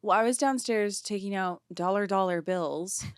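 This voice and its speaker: A woman's voice: medium pitch, normal speed, clear, resonant tone, dry recording, clean studio sound. A young woman co-hosting a podcast, chatting casually and telling stories with frequent laughs. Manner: chatty, storytelling, laughs often. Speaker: podcast co-host. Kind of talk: casual chat.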